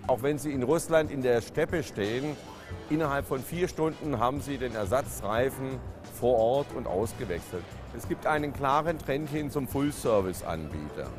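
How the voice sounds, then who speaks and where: A man talks briskly at a mid pitch, repeating a word for stress. Music plays clearly behind him. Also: lively intonation. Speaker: trade fair spokesman. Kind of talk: interview statement.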